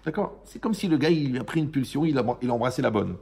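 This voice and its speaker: A man's voice: mid-range voice, lively intonation, fast, vocal fry, a little mellow, breathy edge. A man, a rabbi, giving an informal Torah lesson to a live audience, joking and quizzing his listeners as he goes. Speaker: rabbi teaching a class.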